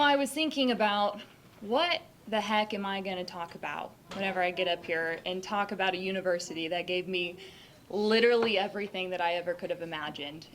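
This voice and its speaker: A young woman, a former player, giving a hall of fame acceptance speech with polished presenter diction, her voice leaping up when she gets excited. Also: a little hiss or hum. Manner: animated, leaps up in pitch when excited.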